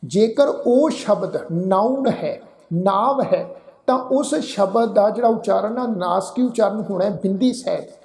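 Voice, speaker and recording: A man's voice: high-pitched, gravelly, darkish tone. Patient Punjabi man teaching scripture pronunciation. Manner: patient, explains slowly, then chants verses drawn out; addresses listeners politely as "ji". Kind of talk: scripture recitation lesson.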